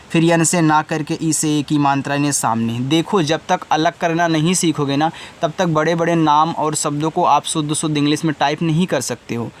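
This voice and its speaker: A man teaching students in an online lesson, explaining patiently step by step and speaking straight to them. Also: a little high. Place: indoors with wind outside.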